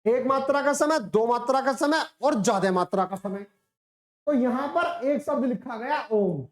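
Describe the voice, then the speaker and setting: High-voiced woman teacher in an echoey room. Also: animated, moderate pace. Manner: explains step by step, asks questions and answers them herself; demonstrates sounds by drawing them out. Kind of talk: classroom lecture.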